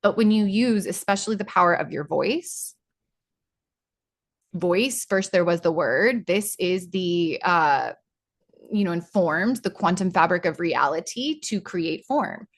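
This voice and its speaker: Chatty excitable woman leading a workshop. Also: lowish voice, unhurried. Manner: chatty, excitable, rambling with restarts. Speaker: spiritual workshop leader. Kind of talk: informal spiritual teaching talk.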